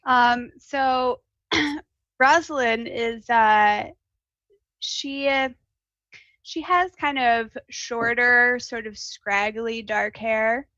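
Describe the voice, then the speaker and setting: A woman improvising a character description as a tabletop player, hesitant and halting, on a slightly dull recording. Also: on the high side, sharp tone, no room sound. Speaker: tabletop role-playing player.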